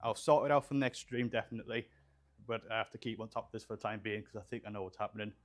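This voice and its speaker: This young adult PC-building livestream host talks rapid-fire in a steady, lowish voice. Born in Poland and raised in England, he chats casually and rambles with fillers in a small shelved studio room, reading live chat aloud as he works.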